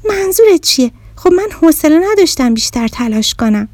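A woman's voice: high voice, big pitch swings, a little mellow, no room sound, voice pushed up. A woman voicing a lazy, timid little bear cub who whines and gives up easily, in a storybook reading. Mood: sulky. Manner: sulky and easily startled.

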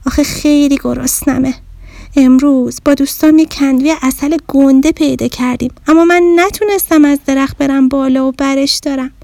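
A woman's voice: sits high, fairly even intonation, gravelly, a little mellow, no echo, pitched above the performer's own voice. A woman voicing a lazy, timid little bear cub who whines and gives up easily, in a storybook reading. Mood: sulky. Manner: sulky and easily startled.

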